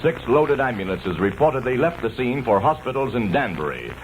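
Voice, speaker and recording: A man's voice: mid-range voice, sing-song, a little fast. An American man reading a scripted 1960s radio news bulletin. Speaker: radio newsreader. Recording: dull vintage radio, faint noise.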